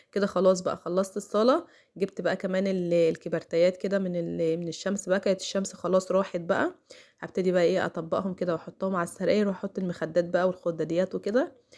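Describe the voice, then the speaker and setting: A woman's voice: lowish voice, darkish tone. A middle-aged woman with an Egyptian accent narrating a home routine vlog, chatty and full of fillers, talking straight to her viewers. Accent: Egyptian Arabic. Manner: chatty, many fillers, talks to viewers directly. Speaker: home vlogger. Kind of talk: casual voice-over vlog narration.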